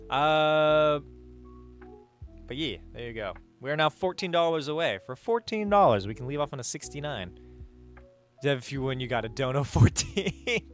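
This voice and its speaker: Speaking through a headset mic, a man with a medium-pitched, fairly bright voice streams a game live. He chats crudely and jokes with his chat, reading donations out loud.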